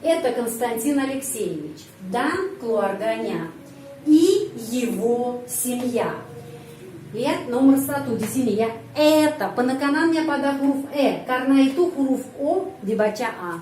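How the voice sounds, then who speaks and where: Woman teacher, patient, slow modeled words, slightly high voice, distant mic in a roomy space with faint noise. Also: expressive, darkish tone. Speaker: Russian teacher. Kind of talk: reading lesson explaining pronunciation. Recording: echoey room from far off, faint noise.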